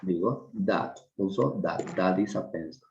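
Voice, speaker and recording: A man teaching an online English class, explaining slowly and patiently with repeated examples. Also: deep voice, gravelly, a little mellow, echoey room, dull audio, slight background noise. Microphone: video call.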